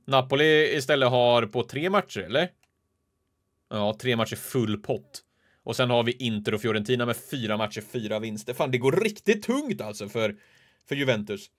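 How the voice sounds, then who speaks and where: Lively Swedish gamer man commentating. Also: lowish voice. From Sweden. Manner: shifts between calm play-by-play and excited shouts. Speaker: gaming channel host. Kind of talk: casual let's-play commentary.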